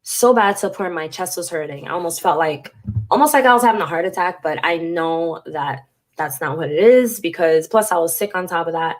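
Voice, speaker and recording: Speaking frankly to camera, this woman vlogger has a fairly low pitch, lively intonation and a brisk pace. Her voice is stuffy and congested, her talk emotional, and she swears in a casual way.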